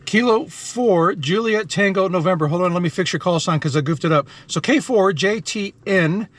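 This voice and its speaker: A high-pitched man talks at normal speed in his car, casually narrating his amateur radio activity. He moves between explaining things and calling out contest exchanges, spelling out call signs and numbers phonetically.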